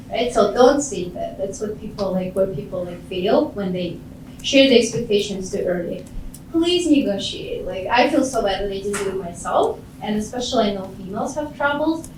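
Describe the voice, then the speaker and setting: A woman's voice: a little high, a little mellow, recorded from a distance, slight background noise. A woman from Ukraine giving casual, encouraging career advice to students, talking chattily with many "like" fillers. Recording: very echoey room, off-mic.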